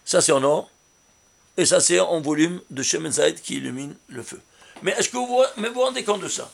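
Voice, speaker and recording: A man, a rabbi, giving a Torah lesson on numerology with an animated manner, firing rhetorical questions at his listeners. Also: on the high side, normal speed, vocal fry.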